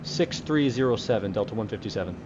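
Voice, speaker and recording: Quick man on a pilot headset mic. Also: on the low side, expressive, dull audio, background noise. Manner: brisk, dry and joking, swears casually. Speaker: flight simulator streamer playing airline pilot. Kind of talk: cockpit radio calls and casual narration.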